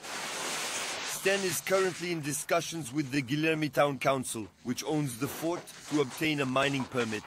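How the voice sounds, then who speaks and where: A man narrating a food documentary in a measured, scripted way. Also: on the high side, noisy background. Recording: voice-over with music behind.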